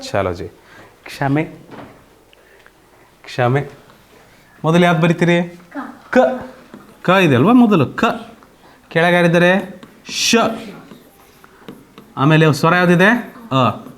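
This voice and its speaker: A man with a Karnataka accent teaching a slow, patient online grammar lesson, often asking students whether they understand. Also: fairly high pitch, lively intonation, a bit bright. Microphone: computer mic on an online class call.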